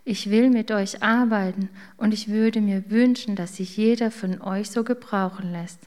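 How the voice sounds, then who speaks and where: A woman voicing a kind male master baker who speaks tenderly and slowly in a spoken storybook. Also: medium pitch, steady tone, darkish tone, natural voice. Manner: tender, reassuring, slow.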